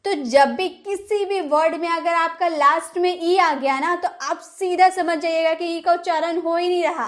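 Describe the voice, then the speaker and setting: A woman's voice: very high-pitched, normal speed. A woman teaching an English lesson, patiently asking her listeners questions and answering them herself. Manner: patient, asks the class rhetorical questions. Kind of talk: classroom lesson.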